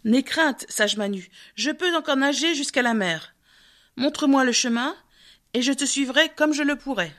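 A gentle, calm magical fish with golden scales that pleads and promises softly, as a woman reader voices it. The voice stays high. She uses almost her own voice. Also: moderate pace. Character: small magical golden fish that talks, later huge.

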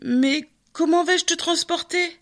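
An earnest, wise storybook man who talks with worried, lively feeling, as a woman reader puts him on. The voice sits high and bright. Her reading stays close to her own natural voice. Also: normal speed. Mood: dismayed.

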